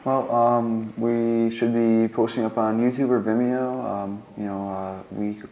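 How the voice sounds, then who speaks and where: A man's voice: medium pitch, little pitch movement, unhurried, highs cut off. A young male student speaking informally in an interview, hesitant and often searching for his words. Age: young adult. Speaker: computer science student. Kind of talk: informal interview about a project.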